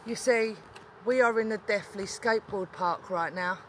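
A woman's voice: medium pitch, moderate pace, a bit bright, slight background noise, lightly acted. A woman playing a gloating demon queen of the underworld in a menacing villain promo, with cackling laughs.

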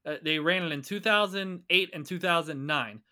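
A man's voice: a little high, normal speed, sharp tone. A man, co-hosting a casual podcast chat and talking animatedly, swearing and bragging about his trivia. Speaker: podcast co-host.

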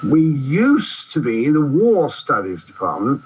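A man playing a pompous, breezy British army general with a husky voice over a radio link in a comedy. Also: mid-range voice, huge pitch swings, takes it slowly, full character voice. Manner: pompous, breezy, clipped, condescending. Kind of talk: comedy radio character acting. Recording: dull radio-like line.

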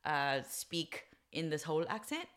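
Chatty woman co-host, lively pitch. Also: unhurried. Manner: chatty, laughs often, explains Korean culture. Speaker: podcast co-host. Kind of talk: casual chat recapping a reality show.

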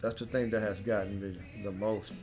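A man's voice: on the low side, level tone, normal speed. Guy doing a laid-back faith podcast solo, talks right at you, music going behind him. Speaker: podcast host. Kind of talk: casual spiritual monologue.

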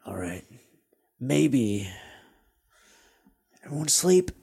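A man's voice: medium pitch, very animated, drawn-out words, creaky, mellow, breathy edge. A man playing a tabletop game, speaking casually as his character and as himself.

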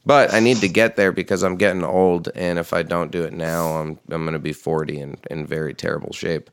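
A man in his thirties with a low, smooth, resonant voice talks casually on a podcast. He swears freely and tells his stories with joking bravado. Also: brisk. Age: 30s. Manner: profane, joking, animated storytelling. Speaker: podcast guest, musician.

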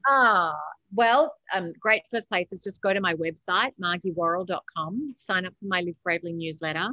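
Her voice sits fairly low yet sounds bright and forceful, moving at a moderate pace. She's an Australian author and coach guesting on a motivational podcast interview, giving emphatic, encouraging advice and repeating phrases for effect. There's no room sound, but the audio quality is poor.

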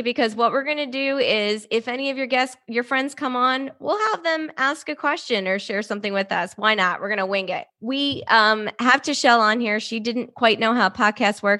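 A woman's voice: a little high, bright, forceful tone. Bubbly woman hosting a podcast. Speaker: podcast host. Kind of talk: casual podcast interview. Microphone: video call.

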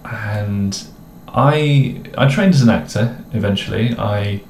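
A young adult man from the English Midlands with a mixed, somewhat posh English accent, co-hosting a casual chat in a relaxed, rambling way with self-mocking jokes. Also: fairly low pitch, slow pace. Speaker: co-host. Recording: echoey room with faint noise.

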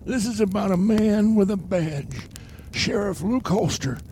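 A man's voice: high-pitched, expressive, a little slow, mellow, a little hiss or hum. A man voicing an old prospector who narrates a Western tale in a folksy drawl.

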